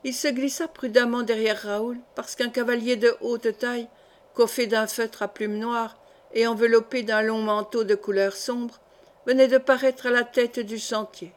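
A woman's voice: a little high, fairly even intonation, normal speed. Woman, audiobook reader, historical novel, light voice changes for characters.

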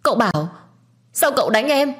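A woman's voice: a little high, sing-song, fairly quick, fairly bright tone, husky, voice pushed up, exaggerated voice. A woman voicing a scheming young girl who talks in a sweet, wheedling way. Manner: sugary, wheedling.

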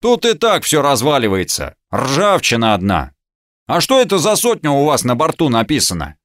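A man's voice: mid-range voice, wildly swooping pitch, moderate pace, a bit bright, pitched above the performer's own voice. A man voicing a cheeky, bantering fellow who mocks his opponents in a teasing, mock-polite way.

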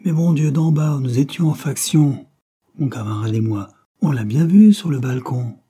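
A man voicing an excited police agent insisting on a suspect, reading from a storybook. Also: medium pitch, unhurried, slightly rough. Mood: insistent. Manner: insistent, raised voice.

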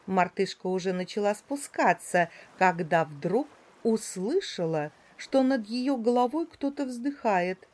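A woman narrates a children's animal tale in a calm, even voice. Her pitch is moderate, neither high nor low. She reads at a steady storytelling pace. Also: unhurried, hardly any pauses. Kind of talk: storybook narration read aloud.

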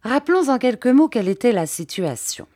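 A woman reading a novel aloud as an audiobook narrator, voicing the dialogue with lively shifts in pitch and loudness. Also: fairly quick, no room sound, clean studio sound. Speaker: audiobook reader. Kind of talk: scripted narration.

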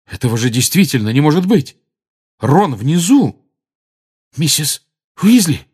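A man reading a fantasy novel aloud, dramatic and expressive. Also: medium pitch, moderate pace, slightly rough. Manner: dramatic, rising and dropping with the tension. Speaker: audiobook narrator. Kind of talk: expressive audiobook narration.

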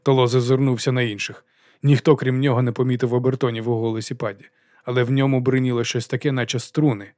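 A man's voice: mid-range voice, level tone, quick pace, darkish tone, no room sound. Man narrating a story, dry close sound. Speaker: audiobook narrator. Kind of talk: scripted narration.

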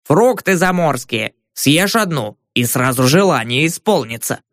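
A man's voice: a little high, animated, a little slow, fairly bright tone, dry recording, clean studio sound. A male audiobook narrator voicing a cheeky, cunning old peasant woman trader. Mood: sly, insistent. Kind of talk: audiobook character voice.

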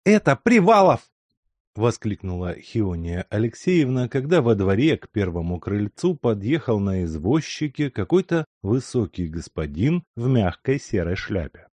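Expressive male audiobook narrator. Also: lowish voice, normal speed, few pauses, dry recording. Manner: expressive reading. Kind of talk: scripted narration.

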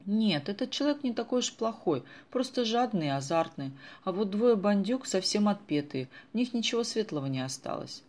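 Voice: mid-range voice, very animated, moderate pace, hardly any pauses, voice pushed up, close to an everyday voice. A reader voicing an earnest, principled teenage girl in a storybook who talks in a thoughtful, moralizing way.

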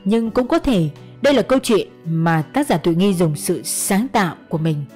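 A woman narrating a first-person crime audiobook in a calm, measured manner. Her voice is dark and mellow, with faint music playing underneath. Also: on the low side.

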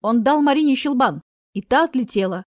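A woman reading a humorous story aloud in a wry, lively manner. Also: high voice, a little fast, no echo, studio quality. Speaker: narrator. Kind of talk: storytelling narration.

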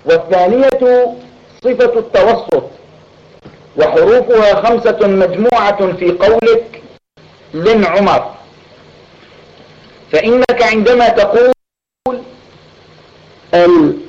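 A man, a student, reading a recitation lesson text aloud in an even, careful way. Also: high-pitched, slow, long pauses, muffled recording.

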